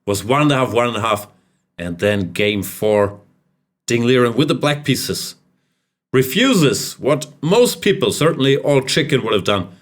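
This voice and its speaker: A man's voice: mid-range voice, expressive, measured pace. A man hosting a casual chess podcast, wry and joking as he introduces guests and recaps games. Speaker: podcast host.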